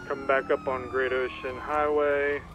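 A man's voice: medium pitch, little pitch movement, moderate pace, noisy background. Male officer on police radio, dull lo-fi line, clipped routine callouts. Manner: clipped, routine dispatch phrasing. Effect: in-game police radio, muffled and lo-fi. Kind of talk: radio callouts in game roleplay. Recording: dull radio audio with music.

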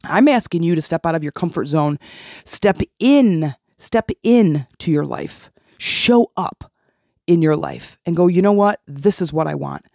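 She's a life coach hosting a healing podcast, giving an earnest, encouraging solo talk that leans on repeated phrases to press each point. Her voice sits low and warm, recorded dry with clean studio sound.

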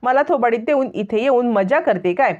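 A woman's voice: on the high side, animated, moderate pace, darkish tone, close to an everyday voice. Woman voicing a spiteful taunting young woman. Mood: angry. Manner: taunting, scornful. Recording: lo-fi recording.

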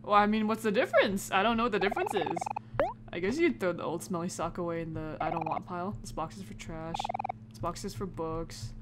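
A woman narrates her let's play in a casual, reactive way, reading game text aloud and tossing in informal asides. Her voice is on the low side and brisk, and the recording carries heavy background noise and clicks.

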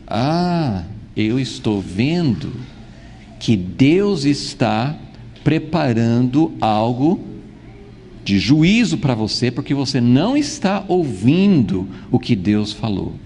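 A solemn prophet, as a male teacher puts him on, delivers a slow, grave warning. The words come deliberate and heavy. A long hall reverb trails behind each phrase. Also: mid-range voice, very animated, warm tone, a little hiss or hum.

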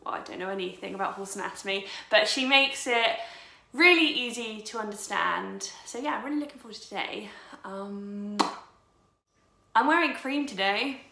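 A woman's voice: medium pitch, moderate pace, gravelly, bright, forceful tone. A woman chatting casually to camera in a horse vlog, upbeat and talkative, also chatting to her horse. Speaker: horse vlogger. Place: kitchen, car, then horse stable.

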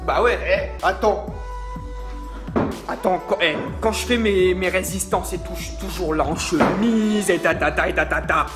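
A man unboxes vape products with a playful, self-mocking humor, tossing out animated asides as he goes. Faint music plays quietly behind his voice. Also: high-pitched, moderate pace. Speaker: vape reviewer. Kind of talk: joking unboxing vlog.

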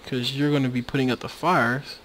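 A man's voice: medium pitch, little pitch movement, a little fast, fairly bright tone, slight background noise. Rambling man narrating a video game. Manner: rambling, many fillers and restarts. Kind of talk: casual gameplay commentary. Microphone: USB microphone that cuts out.

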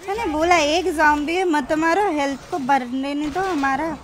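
A woman with a high voice narrates her zombie match in a rush, exasperated and swearing. She keeps pleading with teammates who ignore her. Faint game gunfire runs underneath. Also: normal speed, background noise. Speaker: mobile game streamer. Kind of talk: frantic gameplay commentary.

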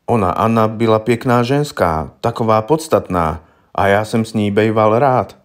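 A simple, stubborn farmer, as a male reader puts him on, talking bluntly in plain country speech. The voice sits a little low, part of an audiobook story reading. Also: lightly acted. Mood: plainspoken. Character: simple, stubborn middle-aged male farmer accused of murder.

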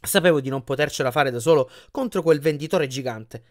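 A man reading an audiobook chapter aloud with expressive delivery. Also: on the high side, fairly quick. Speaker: audiobook reader.

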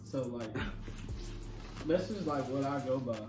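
A man's voice: mid-range voice, measured pace. A man in a casual chat with friends, speaking offhand and a little hesitant. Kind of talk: casual chat among friends over food. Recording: roomy echo, from far off, loud music behind.

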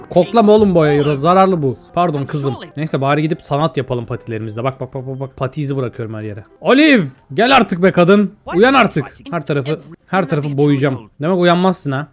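Young male gaming YouTuber, slightly high voice, chatty let's-play commentary. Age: young adult. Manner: chatty, talks to himself and the viewers while playing; reads out in-game dialogue.

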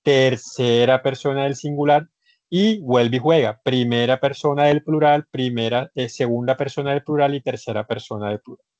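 A man's voice: mid-range voice, normal speed, darkish tone, no echo, lo-fi sound. A man with a Colombian Spanish accent teaching an online English class. He explains grammar step by step, repeats his points and addresses the students formally.

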